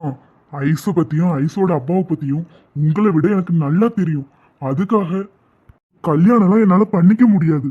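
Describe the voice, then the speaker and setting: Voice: mid-range voice, normal speed, slightly rough, close to an everyday voice. An actor voicing a stubborn young adult son in a cartoon, firm and exasperated with his mother. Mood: stubborn refusing. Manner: firm, exasperated, then panicked. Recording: tinny phone-like audio.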